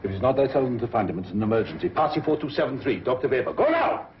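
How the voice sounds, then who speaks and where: A man's voice: medium pitch, animated, fast talker, close to an everyday voice. An actor in a 1940s film drama playing a grave male doctor, terse and commanding yet tender. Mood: urgent, commanding. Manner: terse, clipped, commanding, gentle with the patient. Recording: dull, noisy 1940s film soundtrack.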